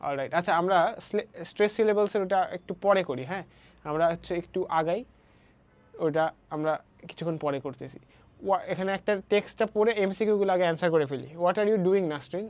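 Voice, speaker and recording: A woman from Bangladesh teaching a primary English lesson online. She mixes Bangla and English and reads the example sentences slowly. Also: fairly low pitch, darkish tone.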